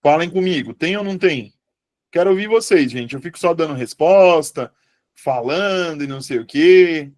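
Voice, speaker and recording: A man teaching a live online Portuguese lesson, chatty and lively, often putting questions to his students. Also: a little high, moderate pace, dry recording.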